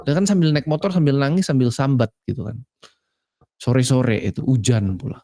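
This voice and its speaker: Gravelly-voiced man preaching casually. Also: medium pitch, fairly quick, dark tone. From Indonesia. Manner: chatty, conversational, mixes slang and English words. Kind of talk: casual sermon.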